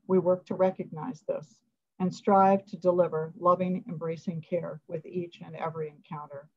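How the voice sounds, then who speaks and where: Middle-aged woman giving measured formal remarks. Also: fairly low pitch, mellow. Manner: measured, formal, reading from notes. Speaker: hospital president. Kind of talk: prepared remarks at a media briefing. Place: hospital office, indoors. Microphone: video call webcam. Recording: dull lo-fi video call audio.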